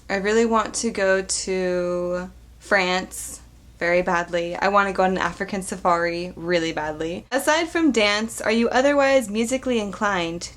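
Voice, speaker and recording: A young woman in her twenties from Arizona, chatting bubbly and giggly in a casual Q&A vlog, close to the camera mic. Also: medium pitch. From Arizona, United States. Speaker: vlogger. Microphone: camera mic at close range.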